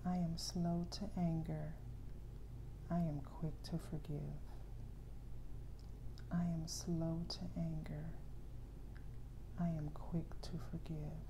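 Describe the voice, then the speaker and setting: A woman softly reciting affirmations in a near-whispered ASMR style, slow and measured like a repeated mantra. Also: low-pitched, little pitch movement. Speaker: ASMR host. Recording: clearly audible background noise.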